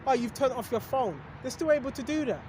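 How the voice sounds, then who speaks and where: A man's voice: extremely high pitch, lively intonation, fast talker, a little mellow, a little hiss or hum. A man giving a rambling casual sermon to his video audience, full of rhetorical questions and repeated "right?", hiccuping now and then. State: has hiccups. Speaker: religious video host. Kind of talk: casual preaching monologue.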